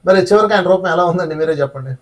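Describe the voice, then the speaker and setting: A man with a high-pitched, rapid-fire voice teaches a spiritual class, telling stories conversationally and posing rhetorical questions to his listeners. He is recorded on a distant mic.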